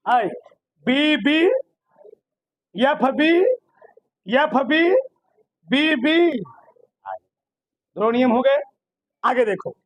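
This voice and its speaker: High-voiced male teacher quizzing class. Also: no room sound, low-quality recording. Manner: repetitive, quizzing students with questions. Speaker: physics teacher. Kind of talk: classroom lecture.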